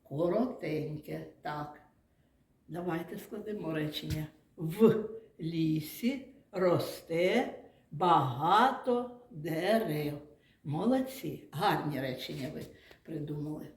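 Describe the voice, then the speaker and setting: Slow, patient woman teacher in an echoey room. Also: lowish voice. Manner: patient, questioning and praising, spells out sounds and syllables. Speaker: kindergarten teacher. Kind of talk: teaching a class of young children.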